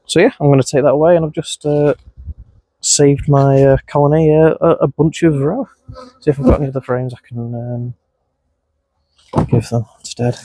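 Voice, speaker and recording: Speaking at a moderate pace with frequent pauses, a man with a mellow, mid-range voice and steady tone narrates a beekeeping vlog at his hives. He has a mild Scouse-Wigan accent, wears a bee suit, and chats to and scolds his bees, his voice jumping when startled. The low-quality audio has no echo, captured on a close clipped mic that bees crawl on.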